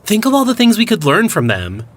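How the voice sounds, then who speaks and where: A man's voice: sits high, huge pitch swings, a little fast, full character voice. An actor playing an enthusiastic young male cryptid hunter who explains things eagerly in an audio drama. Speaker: lead character.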